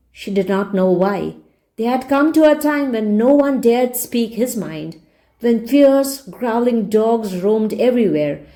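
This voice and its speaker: With a warm tone and a slightly high voice, a woman reads a story aloud in the manner of an English teacher. Her audiobook-style narration pauses to explain what words mean.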